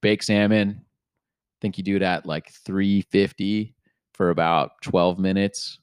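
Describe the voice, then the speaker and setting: Laid-back low-voiced man saying "dude". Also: steady tone, slow pace, smooth, no room sound, clean studio sound. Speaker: podcast host. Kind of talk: casual podcast chat. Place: studio.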